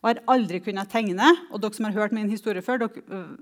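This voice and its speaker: Middle-aged woman, earnest spoken testimony, reflective, slow emphatic pauses, church talk. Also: medium pitch.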